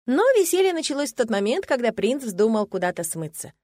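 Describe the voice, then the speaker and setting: A woman's voice: fairly high pitch, very animated, a little fast, a little mellow, no echo. A woman narrating a first-person audiobook in a wry, ironic manner.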